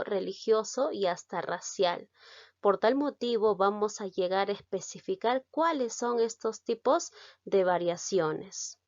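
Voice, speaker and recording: A woman from Peru with a Peruvian Spanish accent, teaching a recorded lesson, explaining slowly and carefully and checking in with the listener. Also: mid-range voice, darkish tone, no echo, muffled recording.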